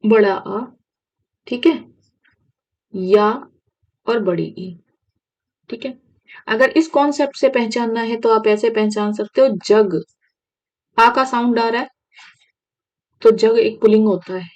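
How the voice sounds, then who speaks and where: A woman's voice: fairly high pitch, slow, pauses often, a little mellow, low-quality recording. A woman teaching Hindi grammar for exam prep, checking in with her students as she explains. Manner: repeats "ठीक है" often, asks students questions.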